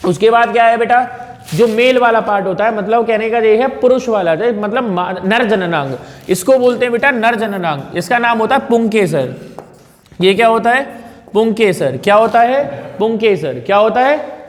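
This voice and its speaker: Male tutor, high pitch, echoey room; repeats terms, quizzes students, corrects slips. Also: lively intonation, normal speed. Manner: repetitive drilling, questions and corrections. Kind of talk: classroom teaching with call-and-response drills.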